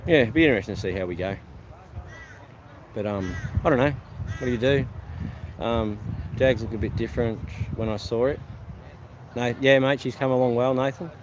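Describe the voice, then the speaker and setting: A man's voice: mid-range voice, moderate pace, pauses often, background noise. A man with an Australian accent, live-streaming casual chat to viewers at an outdoor car show, rambling with lots of ums and restarts.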